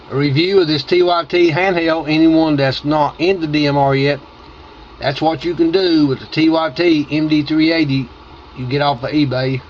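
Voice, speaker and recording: Male radio hobbyist host, casual chat, somewhat high voice, slightly muffled and lightly noisy recording. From Tennessee, United States. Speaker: amateur radio operator and video host. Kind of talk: casual ham radio chat and video commentary. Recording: dull audio with faint noise.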